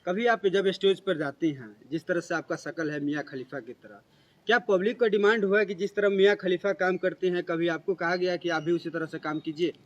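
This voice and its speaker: A man's voice: high-pitched, brisk, lo-fi sound. A man interviewing a guest with formal, pointed questions.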